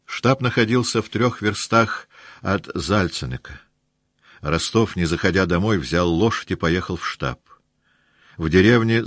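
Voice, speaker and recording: A man with a low, deep voice narrates a classic novel in a measured, even way. The sound is dry and close, with no room echo. He tells the story steadily. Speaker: audiobook narrator. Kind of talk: literary audiobook reading.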